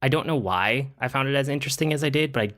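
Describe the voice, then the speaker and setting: A man co-hosting a podcast, chatting casually in a relaxed, hesitant way. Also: mid-range voice, fast talker. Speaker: podcast co-host. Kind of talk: casual chat.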